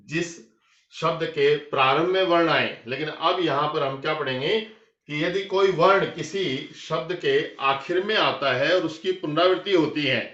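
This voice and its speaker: A man teaching a grammar lesson for exam preparation, explaining step by step and slowing down to recite lines of verse. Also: on the high side, bright, forceful tone. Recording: echoey room, dull lo-fi sound.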